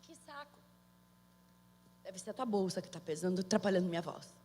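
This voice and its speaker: A woman's voice: on the low side, lively intonation, a little fast, dark tone, a little hiss or hum. Brazilian woman preaching in a reverberant hall. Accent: Brazilian Portuguese. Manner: conversational, calls to the audience for amen. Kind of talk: sermon.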